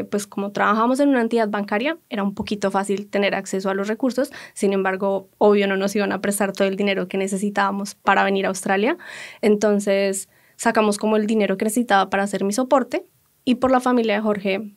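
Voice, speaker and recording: Lively Colombian woman telling her story. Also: mid-range voice. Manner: lively, laughing, acts out quoted dialogue. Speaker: guest. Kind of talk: casual storytelling interview.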